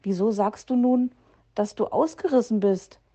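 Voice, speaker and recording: A woman's voice: on the high side, normal speed, dark tone. A woman voicing a small, eager young male fox cub who complains earnestly. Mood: plaintive.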